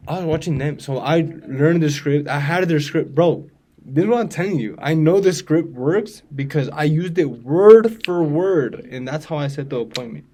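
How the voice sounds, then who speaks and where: A man's voice: a little high, expressive, moderate pace, dark tone. A man in his twenties, a real estate agent co-hosting a podcast, talking casually and full of slang. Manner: laid-back slangy talk, keeps saying "you know what I mean". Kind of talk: casual chat.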